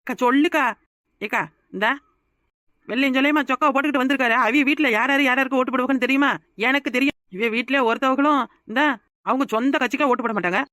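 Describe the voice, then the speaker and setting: Woman doing a loud young village woman, southern Tamil Nadu rural accent, high voice, rapid talk, cartoon. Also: no echo, studio quality. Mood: outraged. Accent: southern Tamil Nadu rural dialect. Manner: fiery, shouting, scolding. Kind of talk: cartoon voice acting.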